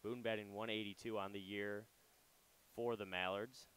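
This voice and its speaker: In a smooth, fairly low voice at a moderate pace, a young adult man gives relaxed radio commentary and play-by-play of a baseball game from the booth, sprinkling in loose fillers. The audio is poor.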